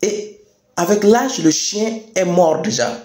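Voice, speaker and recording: A man's voice: high voice, a little mellow. Echoey, emphatic young Chadian man speechifying. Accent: Chadian French. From Chad. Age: young adult. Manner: emphatic, deliberate, with repeated phrases and rhetorical questions. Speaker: youth activist speaker. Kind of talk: rousing political address to youth. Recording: echoey room sound.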